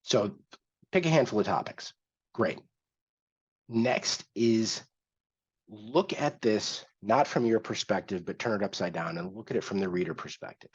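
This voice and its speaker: A man's voice: lowish voice, unhurried, slightly rough. A man hosting an instructional workshop, explaining step by step in a conversational way with some restarts. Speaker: workshop host. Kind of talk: instructional screen-share workshop. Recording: dull lo-fi sound.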